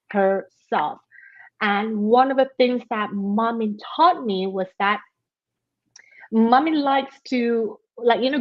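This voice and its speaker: A woman's voice: a little high, muffled recording. A woman from Malaysia, a guest author telling a personal story in a conversational interview, with many fillers.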